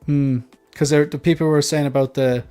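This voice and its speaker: A man's voice: fairly high pitch, flat delivery, moderate pace, dark tone, clean tone, soft background music. A man hosting a casual panel chat, rambling a little and repeating words as he goes. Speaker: host of a hobby panel show.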